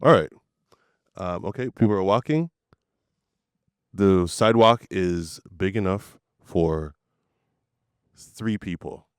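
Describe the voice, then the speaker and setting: A man's voice: low-pitched, slow pace, pauses often, clean tone, no room sound, clean studio sound. A man co-hosting a casual chat, teasing and asking questions, often laughing. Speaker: podcast co-host.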